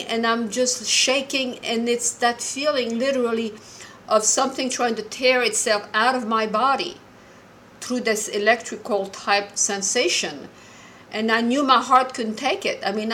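A woman in her sixties, from Morocco, calling in to a show and telling a personal story earnestly and haltingly, often restarting her sentences. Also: a little high, pushed and bright, slight background noise, low-quality recording. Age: 60s. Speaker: caller.

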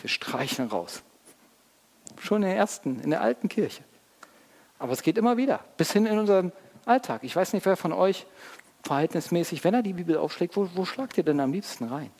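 A man's voice: a little high, a little mellow. A man preaching a sermon as pastor, earnest and speaking straight to his congregation with questions. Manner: earnest, addresses congregation directly with rhetorical questions. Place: church. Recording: long church reverb.

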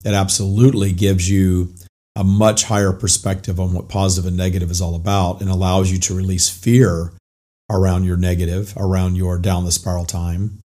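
A middle-aged man hosting a podcast monologue as a spiritual coach, his voice hoarse, raspy and whispery, as if nearly lost. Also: deep voice, warm tone. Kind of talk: informal motivational monologue.

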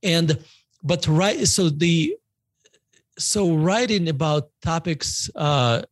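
A man's voice: a little high, lively intonation, takes it slowly, no echo. A middle-aged man from Russia, a native Russian speaker, talking as a guest author in a podcast interview, rambling and often correcting himself. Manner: rambling, self-correcting, repeats words.

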